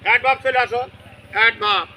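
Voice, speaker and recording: A male English teacher drilling children in a classroom, loudly firing the same questions again and again in call-and-response. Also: very high-pitched, fast talker. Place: busy classroom full of children. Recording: loud noisy crowd of children.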